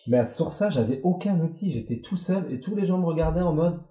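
A very dark, mellow man's voice in an echoey room. He talks candidly and bluntly as an interview guest in his forties, swearing freely. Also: on the high side, expressive, fairly quick. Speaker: guest, former Olympic athlete. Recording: roomy echo.

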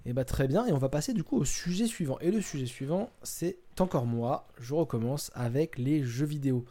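A man's voice: mid-range voice, expressive, fairly quick, warm tone. A man hosting a casual podcast chat, talking hesitantly with lots of fillers and restarts. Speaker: podcast host presenting a topic.

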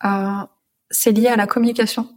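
A woman's voice: on the high side, little pitch movement, moderate pace, a little mellow. A woman guest in a casual interview, speaking hesitantly with many filler sounds.

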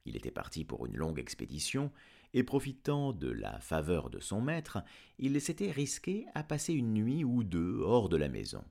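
A man narrating a storybook aloud in an expressive, dramatic reading. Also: lowish voice, moderate pace, vocal fry. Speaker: audiobook reader.

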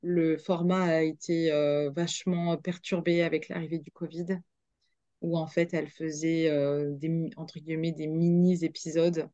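A woman's voice: deep voice, flat delivery, measured pace, warm tone, dry recording. Hesitant woman, dull dry audio. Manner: hesitant, many fillers and restarts. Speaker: radio journalist guest. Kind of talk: casual podcast interview.

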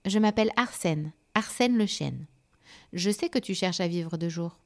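A woman voicing a big, kindly male oak tree in a children's storybook, slow and helpful. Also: lowish voice, expressive.

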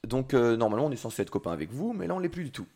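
A man's voice: medium pitch, very animated, racing, darkish tone. A man hosting a podcast, telling history in a casual, joking way with crude slang and lots of fillers.

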